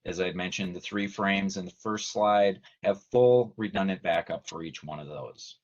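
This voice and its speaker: A deep-voiced man, a technical trainer presenting for his company, explains things in a measured way during an online webinar. The presentation is semi-scripted, and the video call audio is dull and lo-fi.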